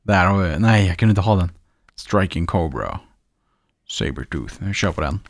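A man's voice: deep voice, expressive, dry recording. A man with a Swedish accent giving casual let's-play commentary, chatting and muttering to himself as he plays. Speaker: gaming YouTuber.

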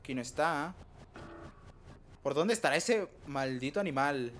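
A young man doing live gameplay commentary, excitable, trash-talking opponents and letting out sudden high yelps. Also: a little slow, a little hiss or hum. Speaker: gaming streamer.

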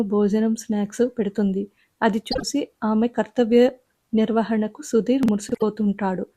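Mellow-voiced woman telling a story. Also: on the high side. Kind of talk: narrating an audio story.

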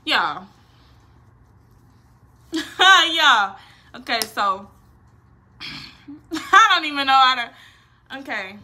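This nineteen-year-old vlogger's voice sits high, and she speaks extremely slowly with long pauses. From her small bedroom she chats through a playful Q&A, animated and slangy, with expressive hand gestures.

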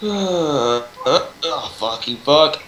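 A young man chatting while gaming, excitable and prone to jokey mock-dramatic outbursts. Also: on the high side, very slow, echoey room, noisy background. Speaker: gamer. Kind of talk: casual gaming chat.

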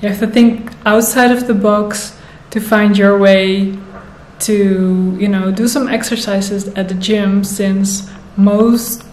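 A woman in her thirties talking casually to the camera, thoughtful and unhurried, pausing with fillers. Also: mid-range voice, fairly even intonation, a little mellow. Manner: slow, thoughtful, with pauses and fillers. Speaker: vlogger. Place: bright room indoors. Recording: echoey room, faint noise.

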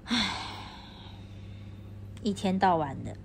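A woman's voice: fairly low pitch, lively intonation, takes it slowly, gravelly, a little mellow, slight background noise. A woman from Anhui scolding her toddler at home, repeating baby talk. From Anhui, China.

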